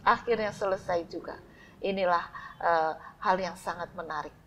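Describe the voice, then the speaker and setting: A woman giving a calm, unhurried storytelling devotional to a congregation. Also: on the low side. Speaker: church devotional speaker.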